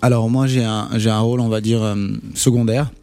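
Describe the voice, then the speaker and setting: A man actor speaking earnestly in an interview, halting and restarting his sentences. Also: mid-range voice, flat delivery, warm tone, soft background music. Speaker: actor guest. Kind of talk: casual interview talk.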